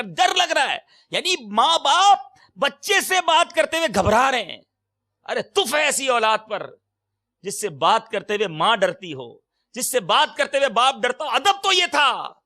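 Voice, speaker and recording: A man delivering an impassioned sermon, full of emphatic exclamations, swinging between loud and soft. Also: sits high. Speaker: preacher. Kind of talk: Urdu sermon.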